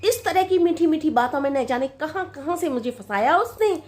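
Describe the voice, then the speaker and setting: A woman playing a proud, sharp-tongued older mother-in-law who nags and scolds in a comic sketch. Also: high voice, lively intonation, moderate pace. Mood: scolding. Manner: nagging, scolding, repetitive complaints.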